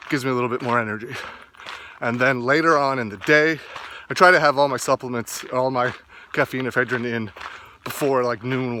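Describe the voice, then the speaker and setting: A man talking casually to a vlog while walking outdoors, rambling and often pausing to find his words. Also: mid-range voice, bright, forceful tone, slight background noise. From east coast of Canada. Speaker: fitness vlogger.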